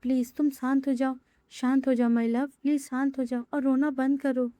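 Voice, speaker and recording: A woman's voice: high voice, level tone, moderate pace, dark tone, no echo, close to an everyday voice. A woman voicing a young heroine who is cold, commanding and fiercely protective. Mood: soothing.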